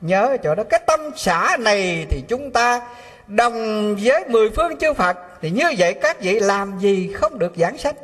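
Animated Southern Vietnamese preacher, high voice. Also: male voice. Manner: animated, asks the audience rhetorical questions. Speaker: Buddhist preacher. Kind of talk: storytelling sermon. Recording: long hall reverb.

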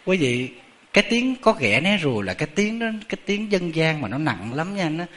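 A middle-aged man, a Buddhist monk with a Southern Vietnamese accent, telling a story in a chatty, animated sermon that often turns to the audience. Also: a little high, a little fast.

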